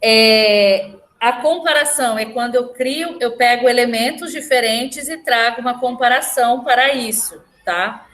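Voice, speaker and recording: A woman's voice: on the high side, unhurried, a bit bright. A woman with a Brazilian Portuguese accent, a teacher explaining a lesson patiently and often checking that the class follows.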